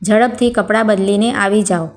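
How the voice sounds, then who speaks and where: A woman voicing a caring, widowed older housekeeper who speaks softly and reassuringly in a storybook tale. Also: medium pitch, normal speed, creaky, lightly acted.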